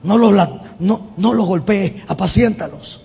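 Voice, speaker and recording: Male pastor, sermon, high voice, long church reverb. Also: measured pace, vocal fry, a little mellow, soft background music. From Venezuela. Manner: conversational preaching, repeats words.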